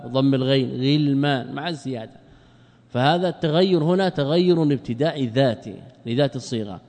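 A man teaching Arabic grammar in a classroom lecture, asking rhetorical questions, answering them himself, and slowing down to spell out word forms. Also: medium pitch, a little mellow, big-room sound.

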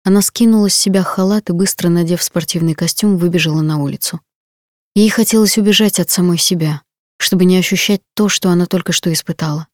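A woman reading a novel aloud in an even, intimate storytelling manner. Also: fairly low pitch, quick pace, dry recording, clean studio sound. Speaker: audiobook narrator. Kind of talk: scripted audiobook narration.

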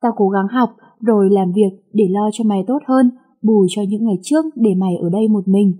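A woman's voice: medium pitch, a little fast, dark tone, slightly rough, lightly acted. A woman voicing a blunt, protective young boyfriend in a storybook reading, speaking tersely. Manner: terse, plain-spoken.

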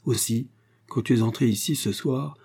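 A man's voice: medium pitch, normal speed, gravelly, mellow, breathy edge. A man voicing a fierce young Spanish woman, a vengeful guerrilla fighter, speaking with burning hatred in an audiobook. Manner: burning, hateful, hissing delivery. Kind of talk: audiobook character voice.

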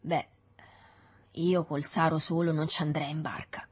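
A woman reading a quiet, evasive teenage boy. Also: flat delivery, husky. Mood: reluctant. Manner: slow, low-key, hesitant.

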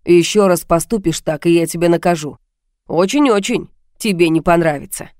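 A mocking, menacing male blackmailer talks down to his victim, calling her baby with cold condescension, as a woman reads him in an audiobook. The voice sits low and the recording is close and dry, with no room sound. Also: moderate pace, darkish tone, no room sound, natural voice. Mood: sneering. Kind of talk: audiobook reading.

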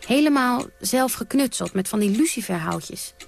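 A woman's voice: fairly high pitch, animated, normal speed, vocal fry, soft background music. An actress playing a brash, defiant woman who tells of her wild nights in a theatrical radio monologue, blunt and dry with sudden outbursts. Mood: recounting.

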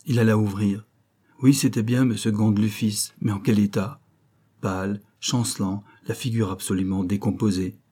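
A man narrating a novel as an audiobook in measured, scripted storytelling. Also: fairly low pitch, fairly even intonation, dark tone, husky.

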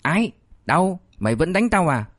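A man voicing a fat, shameless buddy who whines and begs in a voice pitched a little above his usual tone. He wheedles and makes excuses, cheeky even when cornered, in a dry, close recording. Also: moderate pace, no room sound. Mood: whining pleading. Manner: whining, pleading, cheeky. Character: fat cowardly male buddy, whiny and shameless.

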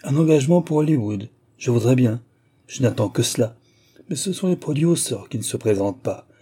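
A man reading an audiobook, voicing a chatty, brash young woman film star who complains in lively slang, with a husky voice. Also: medium pitch, normal speed, lightly acted. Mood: exclaiming.

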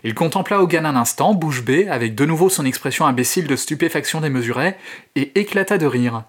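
A man and host narrating a horror short story in an expressive, theatrical way. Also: on the high side, brisk. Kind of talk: dramatic reading of a horror story.

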